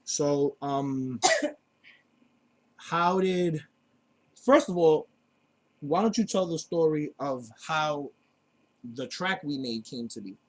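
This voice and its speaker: A man's voice: a little high, lively intonation, slow, pauses often. A man hosting a homemade podcast from a basement, talking loosely and rambling with lots of fillers. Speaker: podcast host. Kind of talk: casual podcast chat. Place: home basement.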